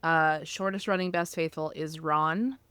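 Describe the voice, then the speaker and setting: A woman producing a podcast, chatting casually and building her arguments quickly on a close mic. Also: deep voice, steady tone, a bit bright, clean tone, no room sound. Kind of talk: casual chat.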